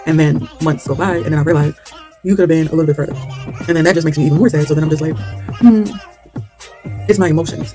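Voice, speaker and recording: A woman chatting candidly while she does her own hair, rambling and losing her train of thought. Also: deep voice. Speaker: hair vlogger. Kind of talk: casual chat while styling hair.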